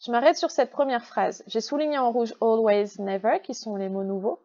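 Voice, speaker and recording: A woman with a French accent teaching English in a recorded online class, patiently explaining step by step and slowing down to model pronunciation. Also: a little high, mellow, muffled recording.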